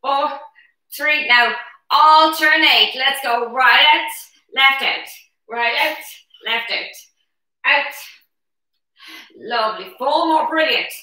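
This aerobics instructor has a bright, high voice and speaks slowly, pausing often as she counts chair-exercise reps aloud in short, upbeat, encouraging cues. It's a live fitness class filmed at home in a brick-walled living room, where a distant camera mic records lots of echo.

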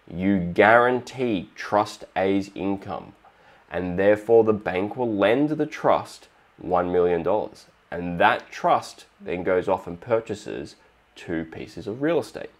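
A man's voice: deep voice, takes it slowly. A man with an Australian accent hosting a finance video, explaining step by step and acting out short exchanges with the bank. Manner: steady explanatory, acts out little dialogues. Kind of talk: explainer monologue.

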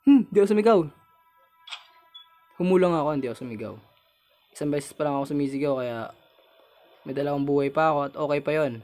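A man's voice: a little high, quick pace, pauses often, faint music behind. Jumpy young Filipino gamer man. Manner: jumpy, shouts and laughs when startled, chatty with viewers. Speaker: gamer playing a horror game. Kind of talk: casual horror gameplay commentary.

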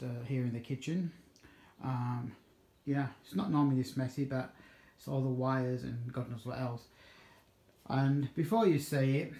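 Speaking at a medium pitch with a dark tone, a male ham radio hobbyist vlogs an improvised demonstration from his kitchen. His delivery is halting and rambling, with frequent self-corrections, and the handheld phone recording picks up the room's echo.

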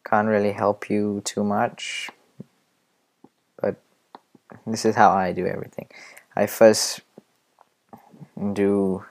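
A man giving a casual screen-recorded animation tutorial, rambling and hesitant, often muttering quiet asides to himself. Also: on the low side, completely flat delivery, slow pace, gravelly, long pauses.

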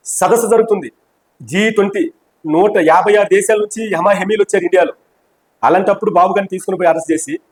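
Man, high voice, rapid-fire delivery, combative, mocking, heated political interview. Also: a little mellow, poor audio. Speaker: opposition party member interviewed.

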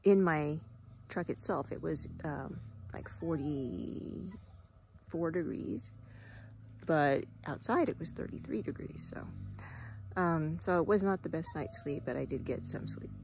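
Standing outdoors at a ranch next to a travel trailer, a wellness guide in her forties rambles casually to her phone, held at arm's length, using lots of fillers and now and then sinking to a whisper. Her low, expressive voice is gravelly and darkish, a little slow, with slight background noise.

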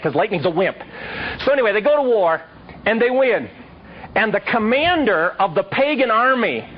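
A man teaching a live audience, telling Bible stories in a lively way and quizzing his listeners. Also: high-pitched, slight background noise. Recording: dull lo-fi recording.

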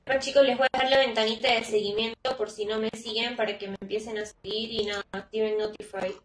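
Gaming live at her computer, a young adult woman from Peru keeps up a chatty stream, reading out messages and exclaiming at herself in Peruvian-accented Spanish. She talks quickly in a slightly high voice with little pitch movement, and the indoor room has an echo.

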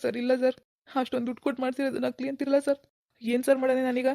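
Cartoon: woman doing a panicked villager, pleading, quick, dark tone. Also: high voice, level tone, creaky, no room sound, studio quality. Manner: pleading, bewildered, keeps begging "sir". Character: anxious village man pawning his gold. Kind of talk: animated cartoon dialogue.

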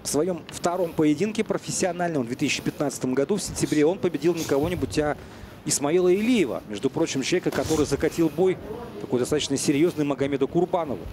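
A man's voice: fairly high pitch, fast talker. A man giving live boxing commentary in a conversational, analytical manner. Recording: arena crowd noise behind voice. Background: boxing crowd.

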